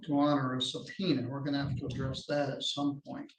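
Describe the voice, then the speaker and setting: A man presiding as judge over a court hearing, formal and measured, his voice going hoarse. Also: medium pitch, little pitch movement, background noise. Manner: formal, measured legal phrasing. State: losing his voice. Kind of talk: courtroom proceedings. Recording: echoey courtroom audio.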